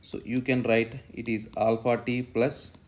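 A man's voice: medium pitch, little pitch movement, measured pace. A man lecturing on mathematics step by step, dictating and repeating phrases as he writes out the working. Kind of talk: step-by-step lecture while writing out a proof.

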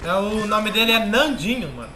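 A man's voice: high-pitched, animated, brisk, a crowd in the background. A young man with a Brazilian accent, chatting casually and persuasively with teammates over game voice chat. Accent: Brazilian Portuguese. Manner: easygoing, persuasive, slangy. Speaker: gaming youtuber.

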